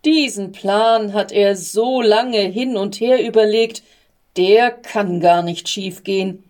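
A woman voicing a patient male archangel in a storybook reading, with a calm, measured, reassuring manner. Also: medium pitch, lightly acted.

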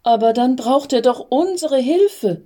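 Woman playing a young male angel, anxious, pleading, high voice, storybook. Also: expressive, a little slow, dark tone. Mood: urgent. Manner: fretful, pleading. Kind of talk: storybook reading.

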